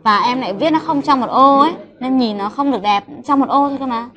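A woman's voice: high-pitched, fast, fairly bright tone, dull audio. A woman teaching a classroom Japanese lesson, patiently correcting students and drilling words.

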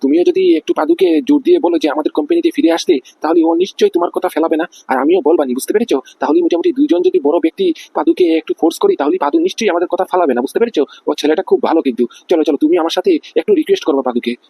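A man's voice: extremely high pitch, sing-song, very fast, creaky, hardly any pauses, warm tone, exaggerated voice. A man voicing a pushy middle-aged company boss in a cartoon, who keeps asking whether he is understood. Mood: coaxing. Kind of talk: cartoon voice acting.

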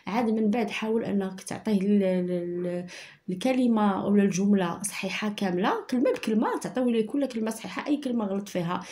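Woman, Moroccan Arabic accent, primary teacher, patient, repetitive, slow dictation, mellow voice. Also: medium pitch. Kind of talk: online lesson explaining handwriting and spelling.

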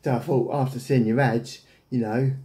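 In an echoey little domestic room indoors, an English-accented man in his thirties makes a prank call, chatting casually in a hesitant, rambling way. His medium-pitched voice is mellow, with fairly even intonation and a moderate pace. A camera at about arm's length captures the sound.

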